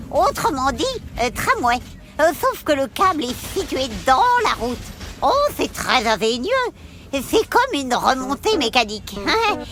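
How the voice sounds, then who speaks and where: A woman's voice: high-pitched, a bit bright, heavily acted. A woman voicing a cheerful, giggly female elf who tells stories to children, exclaiming often and hesitating with many fillers. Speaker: children's storyteller. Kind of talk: children's story narration.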